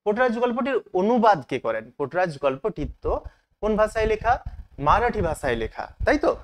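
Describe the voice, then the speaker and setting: High-voiced male teacher, question and answer. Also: very animated, a little fast. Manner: asks the class questions, then answers them himself. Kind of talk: online exam-prep lesson.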